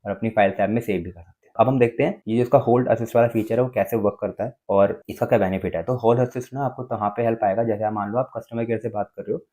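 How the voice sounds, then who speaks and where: Explaining phone features one step at a time, an Indian-accented tech tutorial presenter keeps things casual and instructional. His slightly low voice is soft and mellow with fairly even intonation, and he moves quickly while dropping in small tag words to check in.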